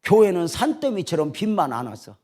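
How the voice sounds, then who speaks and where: A male pastor delivers a revival sermon, his somewhat high voice climbing and falling in wide, lively swings. He drops to near whispers for quiet moments and then surges back up with feeling. The sound comes from inside a church sanctuary. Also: fairly quick. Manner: swings between hushed quoted dialogue and rising emotional preaching.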